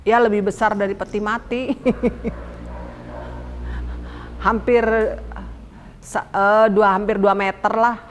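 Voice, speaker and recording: A woman pastor telling her personal testimony in a lively storytelling way, addressing listeners directly and acting out quotes. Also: medium pitch, in a large hall, slight background noise.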